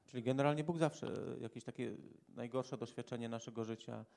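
Brief: quick, gravelly male interviewer, probing and talkative. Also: medium pitch, darkish tone. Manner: probing, retells at length. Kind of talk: conversational interview.

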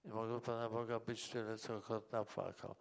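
Creaky-voiced monk, rambling. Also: male voice, on the low side, little pitch movement, normal speed. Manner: rambling, tags remarks with "prawda?". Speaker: monk and priest. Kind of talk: conversational interview answers.

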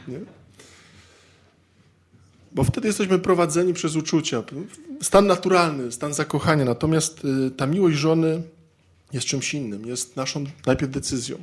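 A man giving an informal, humorous talk to an audience of men, chatty and constantly adding little tag questions as he acts out everyday scenes. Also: on the high side. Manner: conversational, peppers sentences with tag questions. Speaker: speaker addressing men about marriage.

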